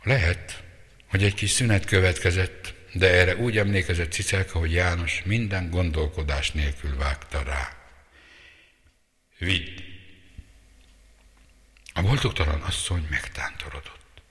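A man reading a story aloud in a measured, dramatic way. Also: low-pitched, fairly even intonation, a bit bright. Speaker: narrator. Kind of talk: scripted story narration. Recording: long reverb.

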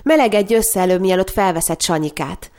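A woman's voice: medium pitch, darkish tone, lightly acted. A woman reading the part of a young woman who is desperate, pleading and fiercely protective, in an emotional voice. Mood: affectionate.

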